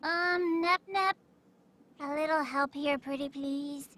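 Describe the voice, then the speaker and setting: A woman's voice: high-pitched, fairly even intonation, takes it slowly. A woman voicing a sweet, timid, helpless young girl in an anime-style game, hesitant and pleading. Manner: soft-hearted, pleading, hesitant.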